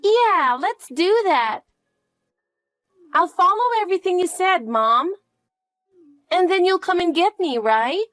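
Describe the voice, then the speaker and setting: A woman putting on a high, clingy little schoolgirl. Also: expressive, slow, long pauses, a bit bright, no echo, clean studio sound, full character voice. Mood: eager. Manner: high pleading questions, eager to please. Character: anxious clingy little schoolgirl, elementary age. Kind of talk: one-voice audio drama.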